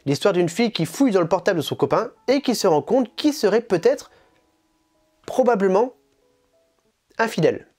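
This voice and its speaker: A woman's voice: medium pitch, normal speed, pauses often, husky, faint music behind. A woman hosting a manga channel, chatting casually and enthusiastically through an unboxing. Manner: animated, chatty and enthusiastic, with laughs.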